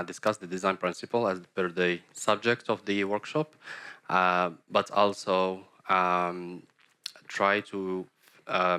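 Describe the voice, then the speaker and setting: A man's voice: low voice, bright, forceful tone, clear, resonant tone, no room sound. A man from Morocco hosting a design workshop, speaking with frequent hesitations and fillers. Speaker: workshop host, head of design. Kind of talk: workshop presentation. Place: conference workshop room.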